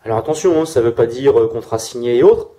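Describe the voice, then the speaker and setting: With a sore throat, a man runs through a casual weekly tarot reading at a fast clip, his medium-pitched voice mellow. He often hesitates, filling gaps and restarting sentences.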